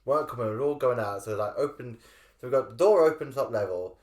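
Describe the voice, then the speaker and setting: Young bloke rambling thru gaming stories, mid pitch, roomy echo. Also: male voice, fairly quick, darkish tone. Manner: loose, rambling anecdotes with swearing. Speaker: podcast co-host. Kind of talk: casual chat.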